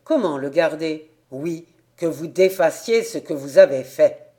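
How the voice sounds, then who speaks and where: A woman's voice: low voice, a little slow, mellow. A woman reading the part of a proud, tall old peasant farmer and father who speaks earnestly and solemnly. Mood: pleading.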